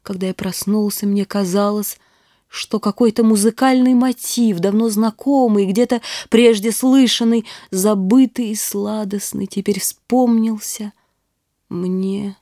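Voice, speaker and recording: A woman narrating a classic audiobook in a measured, lyrical way. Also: mid-range voice, fairly even intonation, dark tone, dry recording, studio quality.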